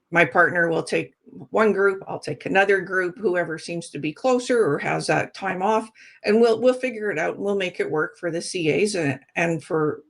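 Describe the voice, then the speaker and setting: A woman's voice: on the low side, gravelly. A middle-aged woman from Alberta, speaking earnestly as a candidate in a casual interview, with frequent ums and restarts. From Alberta, Canada. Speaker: political candidate guest.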